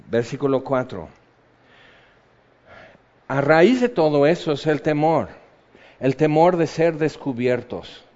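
American-accented man preaching with lively acted asides. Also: fairly high pitch, dull audio. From United States. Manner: animated, acts out imagined voices and questions. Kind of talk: sermon.

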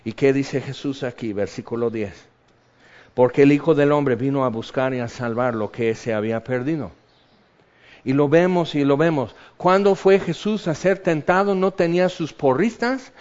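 A man preaching a sermon with passion, acting out quotes and then praying quietly. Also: mid-range voice. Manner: impassioned, acts out quotes, drops to hushed prayer. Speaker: pastor. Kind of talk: sermon closing in prayer. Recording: slightly dull lo-fi sound.

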